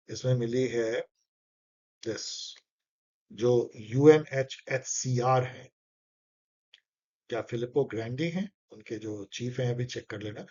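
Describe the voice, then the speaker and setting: A man's voice: medium pitch, a little mellow. A man explaining exam questions as a tutor, in a conversational, coaxing way, often repeating key phrases and reading English lines with an Indian accent. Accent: Indian English in Hindi talk. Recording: slightly dull lo-fi recording.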